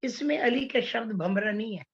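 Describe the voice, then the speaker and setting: A woman teaching poetry, explaining figures of speech slowly with many fillers and restarts. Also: fairly high pitch, lively intonation, husky, highs cut off. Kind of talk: online class on Hindi poetics.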